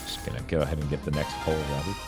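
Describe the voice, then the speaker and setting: A man's voice: a bass voice, flat delivery, very fast. A man casually commentating his gameplay with joking, playful asides. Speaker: streamer. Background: game music.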